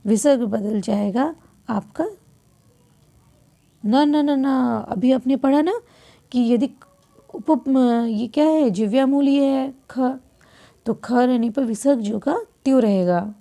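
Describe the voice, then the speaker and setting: A woman teaching a grammar lesson step by step, posing questions and answering them herself, often clearing her throat and correcting herself. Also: sits high, takes it slowly, pauses often, dark tone.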